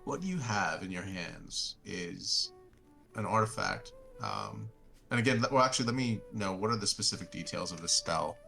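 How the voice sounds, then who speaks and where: A man improvising narration as game master of a tabletop fantasy game, halting as he thinks aloud. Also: sits low, animated, gravelly, pushed and bright, soft background music.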